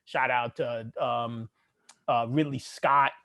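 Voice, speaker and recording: A man co-hosting a casual podcast chat, talking in animated, profane, laughing banter. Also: mid-range voice, slow pace. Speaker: podcast co-host.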